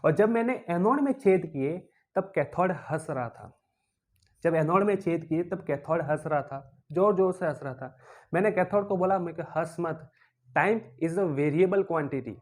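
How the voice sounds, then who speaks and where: Animated Indian male physics teacher. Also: sits high, normal speed. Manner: repeats key terms as quiz questions to students; animated, acts out objects as characters. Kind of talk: classroom lecture with playful storytelling.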